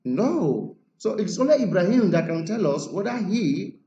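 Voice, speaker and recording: A man's voice: high voice, big pitch swings, unhurried, mellow. A man teaching an English grammar lesson, emphatic and quizzing his listeners with rhetorical questions. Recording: roomy lo-fi recording with faint noise.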